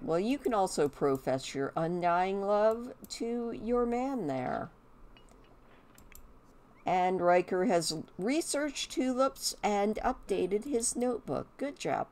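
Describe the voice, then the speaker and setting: A woman's voice: lowish voice, expressive, slow, a little mellow. A woman giving casual, chatty game commentary, talking to her characters, with a slight whistle on her s sounds. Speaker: gameplay host.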